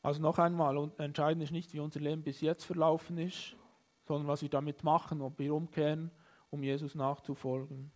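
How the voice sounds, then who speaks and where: A man preaching a sermon in a calm, plain way, retelling a story with small pauses and fillers. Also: fairly high pitch. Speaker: pastor.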